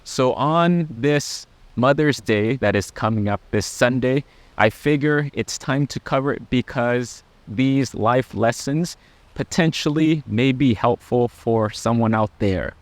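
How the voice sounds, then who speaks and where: A middle-aged man, a Buddhist monk, speaking to camera in a gentle, earnest way. He talks very slowly, leaving pauses between thoughts, at an ordinary pitch for a man. The sound is dry and close, with no room echo. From Laos. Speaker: Buddhist monk sharing life lessons. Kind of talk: personal reflective talk to camera.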